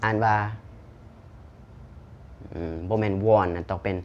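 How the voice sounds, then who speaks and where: A man with a Lao accent teaching English pronunciation, repeating each word slowly and clearly. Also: on the low side, steady tone, dull audio. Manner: switches to slow deliberate English at the sign-off. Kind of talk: pronunciation lesson.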